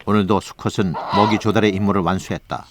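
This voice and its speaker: A man narrating a scripted nature documentary in a measured, formal storytelling manner. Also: on the low side, flat delivery, slight background noise. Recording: voice over background music. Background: music.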